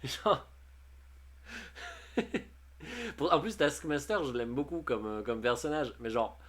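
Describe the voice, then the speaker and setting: A man's voice: mid-range voice, animated, takes it slowly, a bit bright. A man chatting casually on a livestream, reading posts aloud and commenting on them with jokes and frequent laughs. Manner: chatty, jokey, often laughing. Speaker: streamer.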